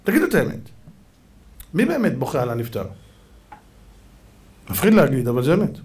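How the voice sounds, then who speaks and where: A man preaching as a rabbi in an animated sermon, swinging from loud outbursts to hushed low passages and acting out imagined dialogues. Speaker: rabbi giving a Torah lecture.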